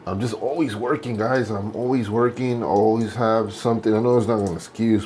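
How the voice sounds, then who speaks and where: Shaving on camera, a man in his late forties talks casually in a lowish, slightly mellow voice against slight background noise. The vlogger meanders, stops to fix what he's said, and keeps things relaxed.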